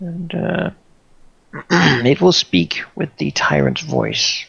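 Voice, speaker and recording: A male game master improvises descriptions in a halting, slow way. His voice is creaky, on a slightly dull, dry recording. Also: fairly high pitch, huge pitch swings, fairly bright tone. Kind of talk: improvised tabletop game narration.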